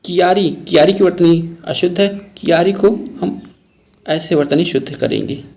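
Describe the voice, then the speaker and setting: Gravelly Hindi teacher drilling spelling. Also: male voice, a little high, measured pace, darkish tone. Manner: explains word by word, repeats terms, calls viewers "friends". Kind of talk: exam-prep spelling lesson.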